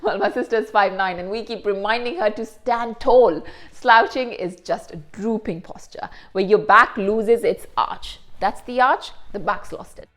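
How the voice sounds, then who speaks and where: A woman hosting a lesson and explaining things clearly, with the odd aside in Hindi. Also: mid-range voice, moderate pace, hardly any pauses, a bit bright. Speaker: host. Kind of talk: instructional presentation.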